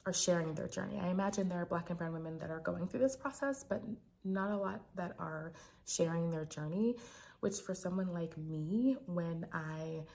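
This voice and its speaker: An American woman talks quietly but clearly to her viewers in a reflective, hesitant video diary. Her voice sits a little low with a noticeable creak. There is faint noise in the home recording. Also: moderate pace. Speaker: physician vlogger. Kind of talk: personal video diary, casual monologue.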